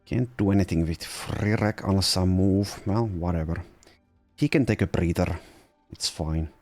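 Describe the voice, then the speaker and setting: Low, musing man commenting on gameplay. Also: moderate pace, a little mellow, faint music behind. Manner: musing, thinking aloud with fillers. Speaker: let's play host.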